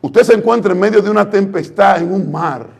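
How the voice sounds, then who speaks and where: A man preaching a sermon to his congregation, fervent and calling them brothers, swinging from hushed to loud. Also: sits high, brisk, creaky, breathy edge. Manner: addresses the congregation directly as brothers.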